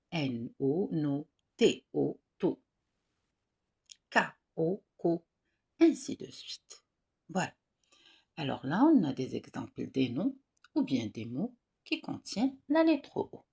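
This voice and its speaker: A woman teacher giving a reading lesson to young pupils, slow and patient, spelling out syllables and repeating each word. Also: very deep voice, vocal fry, a little mellow, breathy edge.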